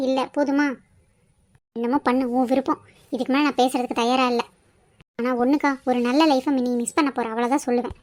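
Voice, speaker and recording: A woman voicing a gentle young woman in a cartoon who cries and apologizes softly. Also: high-pitched, close to an everyday voice. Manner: soft, pleading, apologetic. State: crying. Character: gentle young woman, tearful and self-sacrificing. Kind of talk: cartoon voice acting.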